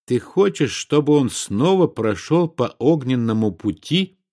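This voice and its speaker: A man reading an audiobook, voicing an anxious, sharp-tongued woman in a slightly raised voice. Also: medium pitch, animated, a little slow. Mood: worried.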